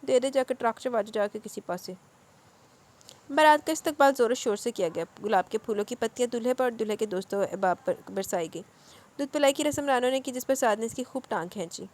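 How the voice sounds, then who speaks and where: A woman narrating a romance novel as an audiobook in a brisk, dramatic reading. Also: fairly high pitch, darkish tone.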